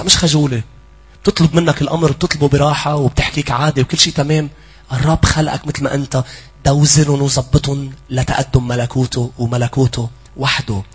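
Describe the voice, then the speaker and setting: Animated Lebanese preacher with a husky voice. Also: male voice, medium pitch. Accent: Lebanese Arabic. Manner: animated, swings between loud pleading and hushed asides. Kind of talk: sermon.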